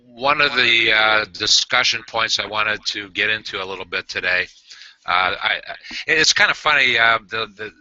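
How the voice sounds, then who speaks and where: Bright-voiced man hosting a video call. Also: fairly low pitch, no room sound, highs cut off. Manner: halting, many "uh" fillers and restarts. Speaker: host. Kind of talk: casual video call interview.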